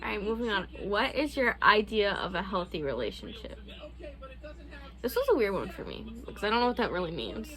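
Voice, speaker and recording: A woman's voice: mid-range voice, big pitch swings, a little fast, a bit bright, poor audio. A young adult woman hosting a casual couple's Q&A vlog, chatting candidly with loose, profane phrasing. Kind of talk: casual chat.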